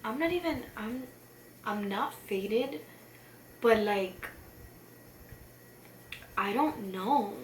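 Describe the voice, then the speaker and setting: A woman's voice: fairly high pitch, animated, extremely slow, pauses often. A tipsy woman chatting casually through a makeup tutorial, rambling and self-deprecating with mild swearing. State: tipsy from beer. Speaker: beauty vlogger, tutorial host. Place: echoey room at home. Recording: echoey room with faint noise.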